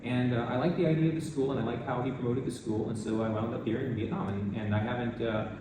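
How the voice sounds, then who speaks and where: A man from the United States, an older math teacher, answering interview questions in a relaxed, rambling way with many restarts. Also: mid-range voice, quick pace, noisy background. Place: school in Vietnam. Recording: echoey room, distant mic, music behind.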